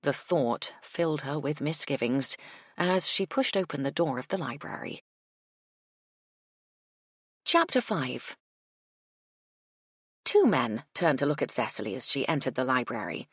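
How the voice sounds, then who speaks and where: A woman reading a cozy mystery audiobook with steady scripted narration. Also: very deep voice, measured pace, pauses often, husky, no echo, clean studio sound.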